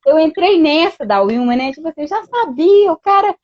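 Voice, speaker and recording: A woman's voice: high voice, expressive, fairly quick. A woman in a casual chat, telling a personal story with many quoted exchanges and frequent tag questions. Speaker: guest. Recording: dull lo-fi dry sound.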